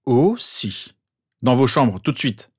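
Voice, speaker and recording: A man's voice: medium pitch, animated, a little fast, a little mellow, no echo, clean studio sound, lightly acted. A man voicing a cold, firm father who hands out punishments. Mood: stern.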